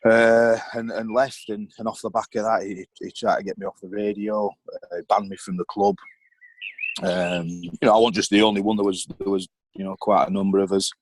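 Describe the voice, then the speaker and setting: A man's voice: lowish voice, flat delivery, brisk, rough recording. A middle-aged man, a former footballer and board member, candidly telling stories as a podcast guest, rambling with lots of ums and you knows.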